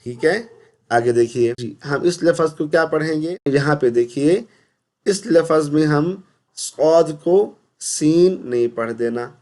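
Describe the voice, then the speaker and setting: A man teaching Quran pronunciation, asking and answering his own questions and reciting verses slowly and drawn out. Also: on the high side, a little mellow. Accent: Pakistani. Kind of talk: recitation lesson.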